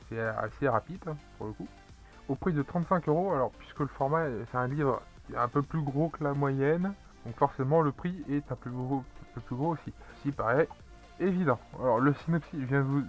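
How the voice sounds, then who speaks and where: A man presenting anime and manga news in a casual solo commentary, rambling with many fillers and restarts. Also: medium pitch. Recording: dull lo-fi audio with faint music.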